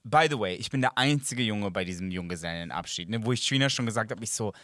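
A young man with a bright, forward tone swings his pitch widely as he jokes and teases. His voice is dry and close, with no room around it. He talks as a casual podcast co-host. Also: animated, quick pace, dry recording. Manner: joking, teasing banter. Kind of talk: casual chat.

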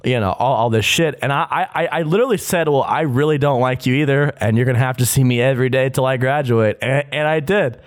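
A man's voice: medium pitch, fast, hardly any pauses. Rambling, profane young man telling stories. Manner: profane, rambling storytelling with many restarts. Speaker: podcast co-host. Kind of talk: casual chat.

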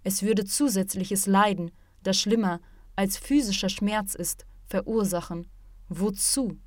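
A calm male martial arts teacher lectures his student in a measured, patient voice, as a woman reads him aloud. The pitch sits in a middling range. The audiobook recording is dry and close. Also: dry recording, lightly acted. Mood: reproachful.

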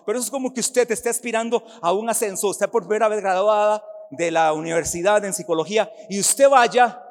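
A man pastor from Costa Rica preaching a sermon, swinging from shouted, sung-out swells to quiet, quick asides. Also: high voice. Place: church hall. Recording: long hall reverb.

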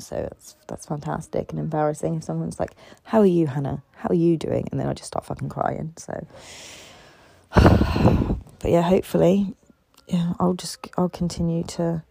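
Brit woman ranting alone on her podcast, low mellow fry-ish voice, dry sound, swears loads. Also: no room sound. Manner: rambling, swears a lot, frustrated and raw. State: tired. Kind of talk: candid solo podcast monologue.

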